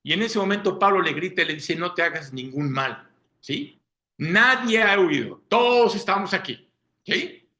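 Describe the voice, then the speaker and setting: Guy preaching a sunday sermon, high bright voice, keeps going "¿sí?". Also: lively intonation, moderate pace. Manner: asks listeners rhetorical questions, frequent "¿sí?".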